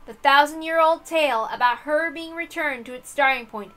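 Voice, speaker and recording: A woman with a bright, high-pitched voice reads scripted narration from a visual novel at a moderate pace, telling it dramatically like a story.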